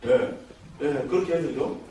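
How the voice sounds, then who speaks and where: A man teaching as a Buddhist monk, his voice sitting a little high for a man. He lectures in a lively way and keeps asking his listeners quick questions. The sound comes from a mic set well back in a very echoey hall. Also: recorded from a distance, a little hiss or hum. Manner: lively, checks in constantly with rhetorical questions. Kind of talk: dharma lecture. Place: temple education hall.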